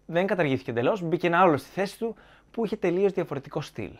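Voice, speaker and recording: A man's voice: high-pitched, expressive. A man giving opinionated film commentary to viewers, arguing his points in a sarcastic, argumentative way.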